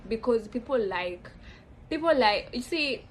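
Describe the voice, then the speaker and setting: A young Kenyan-accented woman vlogs a casual, reflective monologue, rambling with many fillers, restarts, and self-corrections. Her slightly high voice is animated yet measured in pace. There's slight background noise.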